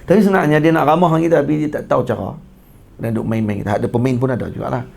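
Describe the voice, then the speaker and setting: A man's voice: medium pitch, fairly even intonation, racing, vocal fry, a little mellow. A man with a Malaysian Malay accent giving a casual religious class, chatty and checking that listeners follow. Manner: chatty, asks listeners for agreement; mimics Arabic speakers' phrases. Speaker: religious teacher.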